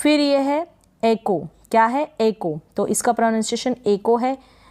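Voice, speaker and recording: A woman's voice: fairly high pitch, a little slow, dark tone. A woman teaching English spelling and pronunciation, patiently repeating each word and asking rhetorical questions.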